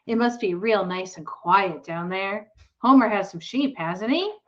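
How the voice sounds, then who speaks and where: A woman reading the part of a calm, thoughtful old country doctor in a storybook. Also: mid-range voice, measured pace, dull audio. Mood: musing.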